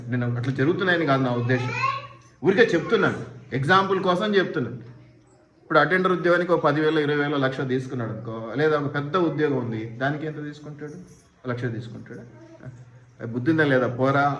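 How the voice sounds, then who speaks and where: A man preaching a sermon as pastor, firing rhetorical questions and acting out what imagined people say. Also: on the high side. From India. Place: church hall. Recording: echoey church hall.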